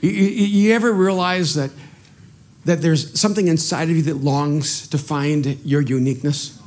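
A middle-aged pastor from El Salvador with Spanish as his mother tongue delivers a spirited sermon, laughing at himself and repeating words as he starts over. He speaks at a normal speed with a voice that runs a little high.

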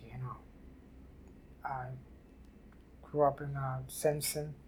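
An older woman from New City, telling her life story haltingly in an oral history interview. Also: extremely low pitch, flat delivery, a little mellow, a little hiss or hum. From New York City. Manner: halting, repeats and restarts phrases. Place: library office.

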